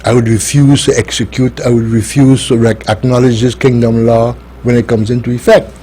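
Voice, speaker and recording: A man's voice: mid-range voice, level tone, moderate pace, warm tone, a little hiss or hum. A man with an Aruban accent giving opinionated political commentary on a talk show, speaking emphatically and arguing with rhetorical questions.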